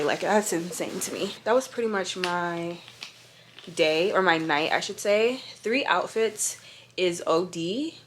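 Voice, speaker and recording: A fashion influencer with a lowish voice chats to camera, with slight background noise. The young adult woman speaks in a relaxed, slangy, chatty way straight to her viewers in her fashion vlog.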